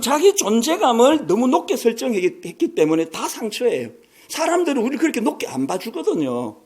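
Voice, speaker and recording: Animated high-voiced pastor in his sixties. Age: 60s. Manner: animated, storytelling with humorous asides. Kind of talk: sermon.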